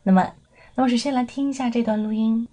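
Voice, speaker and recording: A young woman teaching English vocabulary in a recorded lesson. She explains patiently, asks rhetorical questions and answers them herself, and slows right down to model each word's pronunciation. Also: fairly high pitch, steady tone, mellow. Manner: drawls words slowly when modelling pronunciation.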